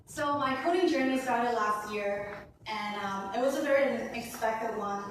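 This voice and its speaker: A woman's voice: on the high side, moderate pace. Woman giving an earnest speech from Hong Kong. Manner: earnest, frequent ums. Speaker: new apprentice giving a speech. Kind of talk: personal speech at an event. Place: event hall. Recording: echoey room, mic far off, background noise.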